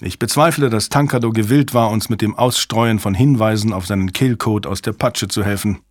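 A man's voice: lowish voice, brisk, no room sound, studio quality, natural voice. A man doing a stern curt agency director. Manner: curt, commanding. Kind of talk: audiobook character voice.

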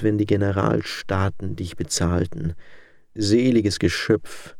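A man reads a literary audiobook in the first person, earnest and impassioned. His voice sits low and his pace is slow and deliberate, and the recording is dry and close. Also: gravelly, darkish tone, no room sound. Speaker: audiobook narrator.

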